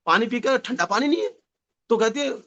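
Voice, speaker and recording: A man giving a lively motivational sales seminar, repeating phrases and calling the audience his dear friends, with a slight touch. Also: extremely high pitch, brisk, highs cut off. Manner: animated, repetitive, addresses audience as "my dear friend". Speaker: network marketing trainer.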